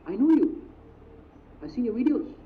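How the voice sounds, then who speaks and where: A man's voice: very high-pitched, sing-song, normal speed, far from the mic, voice pushed up. A man with an Indian accent voicing a friendly, frank middle-aged male mindset coach, casual and mixing in Hindi. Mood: candid. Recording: tinny phone-like audio, faint noise.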